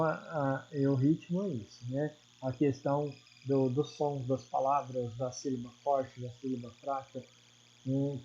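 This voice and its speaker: A man's voice: medium pitch, dark tone, dull audio, slight background noise. Patient Brazilian man teaching a lesson. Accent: Brazilian Portuguese. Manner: explains patiently with many fillers and repetitions. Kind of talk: recorded video lesson.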